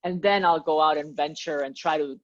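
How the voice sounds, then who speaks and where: A woman's voice: sits low, fairly quick, lo-fi sound. A woman from Peru, a language teacher, chatting as a guest in a casual interview and laughing often.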